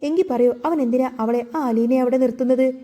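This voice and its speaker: A meddling older woman who refuses to let the fight drop, in a woman narrator's reading. The voice is high and mellow, and it stays quarrelsome. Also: a little fast, natural voice. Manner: quarrelsome, interjecting.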